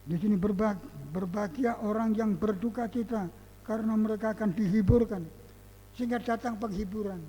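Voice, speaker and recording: A man with a high but dark, mellow voice delivers a sermon, speaking earnestly and bursting into loud emphasis now and then. The sound carries a long hall reverb with a faint hum underneath. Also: fairly even intonation, a little fast. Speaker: pastor. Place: church hall.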